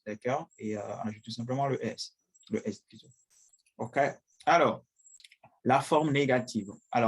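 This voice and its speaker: A man explaining a grammar lesson as an English teacher, pausing often with fillers and checking in with the class. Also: medium pitch, rough recording. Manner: frequent fillers, checks in with "d'accord?".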